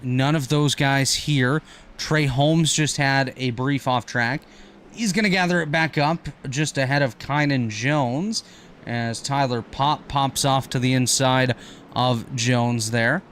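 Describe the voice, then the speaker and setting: Guy doing play-by-play for a sim race, medium voice, quick, bit of faint noise behind. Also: mid-range voice. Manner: rapid, energetic play-by-play with quick self-corrections. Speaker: play-by-play commentator. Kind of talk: sim racing commentary.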